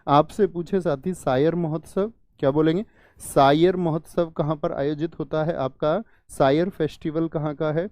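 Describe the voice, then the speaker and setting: A man's voice: fairly high pitch, fairly even intonation, normal speed, a little mellow, dry recording. A man teaching a general knowledge lesson for exam students, asking questions and answering them himself, repeating key facts and calling the viewers brother and friend.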